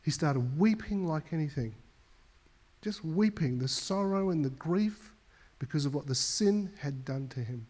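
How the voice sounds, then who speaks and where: A man's voice: on the high side, lively intonation, a little slow, a little mellow, breathy edge. A male pastor preaching a sermon, telling a story with emphasis and often repeating words as he goes.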